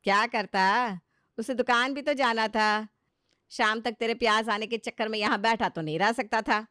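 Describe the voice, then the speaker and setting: Strict mother-in-law, commanding and plain; a woman does the voice, somewhat high. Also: normal speed, pushed and bright, dry recording, studio quality. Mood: stern. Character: stern middle-aged mother-in-law, household head.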